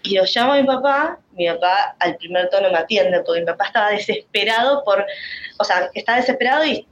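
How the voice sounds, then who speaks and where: A woman's voice: mid-range voice, expressive, fairly quick, highs cut off, slight background noise. A woman with a Rioplatense Spanish accent giving an emotional, rambling personal faith testimony, full of restarts.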